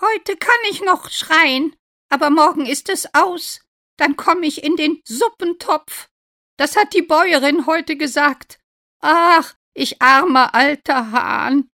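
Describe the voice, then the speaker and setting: A woman voicing an old farm rooster in a storybook reading, crowing and excited. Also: high-pitched, slow, voice pushed up, heavily acted. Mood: lamenting. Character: old farm rooster, loud, fearful then eager.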